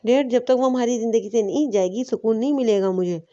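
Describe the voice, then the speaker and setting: A woman's voice: on the high side, mellow, dull audio, close to an everyday voice. A woman reading as a spoiled frantic young woman. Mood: desperate. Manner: sobbing, pleading.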